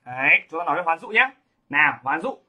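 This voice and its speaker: Husky, bright-voiced male literature teacher. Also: on the high side, sing-song, quick pace. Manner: emphatic, keeps asking "đúng không?". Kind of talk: lecture to high school students.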